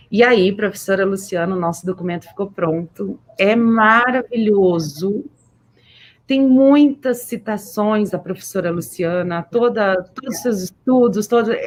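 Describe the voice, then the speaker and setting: Brazilian woman, mid-pitched voice behind a face mask, emphatic and effusive livestream host talking informally to educators. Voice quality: slightly muffled, speaking through a face mask. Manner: effusive, emphatic, repeating words for stress. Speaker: municipal education official hosting a livestream. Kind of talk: informal livestream address to teachers.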